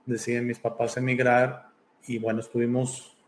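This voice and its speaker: A man's voice: mid-range voice, monotone, normal speed, a little hiss or hum. A man born in Italy and raised in Mexico, a podcast host talking as a guest over a video call, thoughtful and hesitant with many fillers. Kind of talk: casual interview chat.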